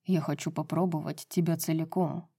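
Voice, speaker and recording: A woman voicing a low, seductive winged man. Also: fairly even intonation, moderate pace, mellow. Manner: low murmuring, husky seductive tone. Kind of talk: audiobook reading.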